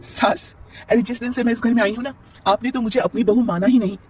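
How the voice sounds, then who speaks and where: A man voicing a sharp-tongued, defiant young married woman in a storybook tale. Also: very high voice, fairly even intonation, brisk, over loud music, pitched above the performer's own voice.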